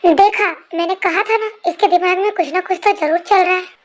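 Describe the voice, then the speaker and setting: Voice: very high-pitched, steady tone, brisk, faint music behind. A performer voicing a strict, worried mother who scolds sharply, in an amateur fan dub voice-over. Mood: scolding.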